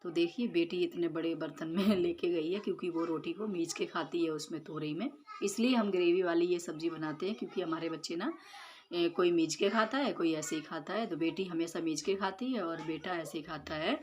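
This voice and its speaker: A woman's voice: fairly low pitch, normal speed, a little mellow, slight background noise. A woman in her thirties, a mother, chatting through a home cooking and chores vlog, explaining each step with many fillers. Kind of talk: casual voice-over narration of cooking and chores. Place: home kitchen.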